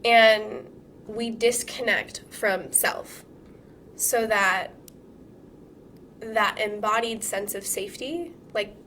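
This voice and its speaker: Hoarse woman coaching on a live masterclass. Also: medium pitch, takes it slowly, long pauses, slight background noise. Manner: casual, swearing, animated rhetorical questions. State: hoarse from being sick. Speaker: trauma healing coach.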